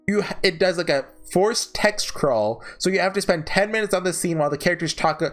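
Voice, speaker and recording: A man hosting a visual novel ranking gives casual, off-the-cuff commentary, rambling, often backtracking mid-sentence, and voicing emphatic, enthusiastic fan opinions. His high-pitched, fairly bright voice is brisk with lively intonation, and background music plays.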